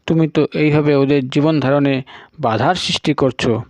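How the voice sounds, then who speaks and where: Man doing a strict old male teacher, firm and commanding, slightly high voice, dull sound. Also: steady tone, moderate pace, darkish tone, no echo, close to an everyday voice. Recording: dull lo-fi recording.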